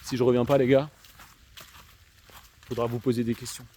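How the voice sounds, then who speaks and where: A man's voice: mid-range voice, little pitch movement, normal speed, warm tone, husky. A young man with an Alsatian accent, chatting slangily to viewers while out on a countryside walk. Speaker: vlogger; schoolteacher. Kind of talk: casual rambling monologue while walking. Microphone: handheld camera. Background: faint outdoor noise, rain.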